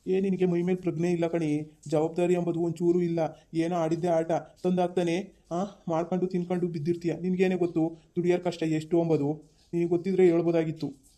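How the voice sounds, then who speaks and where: A fed-up husband in a village family drama, played by a man, scolding. His voice sits a bit high yet sounds warm and mellow. He keeps it flat and even as the complaints pile up. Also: brisk, close to an everyday voice. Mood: upset. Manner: scolding, exasperated. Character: frustrated husband who lost his savings. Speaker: actor.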